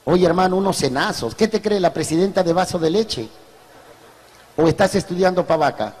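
A man's voice: sits high, expressive, moderate pace, a little mellow, breathy edge, long reverb tail. A man with a Peruvian accent doing a crude, slangy street stand-up routine with punchy storytelling. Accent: Peruvian Spanish. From Peru. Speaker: street comedian.

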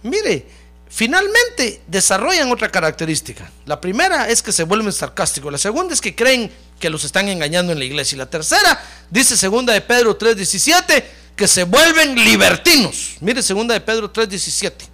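High pitched preacher man, swoops up and down a lot, gravelly, keeps saying brother to the crowd. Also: sing-song, moderate pace, pushed and bright. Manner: preaches directly to the congregation, often calling them "hermano"; has the congregation repeat phrases after him. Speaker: pastor. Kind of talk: sermon.

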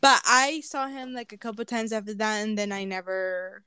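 A woman's voice: medium pitch, normal speed, clear, resonant tone, no echo. A young woman hosting a podcast, telling embarrassing stories in casual chat with giggles. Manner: animated, giggly storytelling. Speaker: podcast host.

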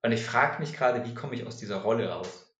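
A man's voice: mid-range voice, fairly quick, fairly bright tone. A man talking candidly and searchingly about his feelings in a personal conversation. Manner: candid, searching, mimics others' voices. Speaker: guest sharing personal struggles. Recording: roomy echo.

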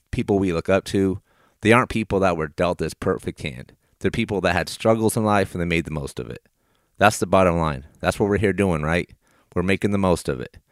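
A man's voice: low-pitched, dry recording, studio quality. A man in his thirties hosting a motivational podcast, speaking in a subdued late-night way as if the house is asleep, encouraging the listener directly. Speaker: podcast host. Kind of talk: motivational affirmations podcast monologue. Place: small plastic play structure in a garage, padded with towels and blankets.

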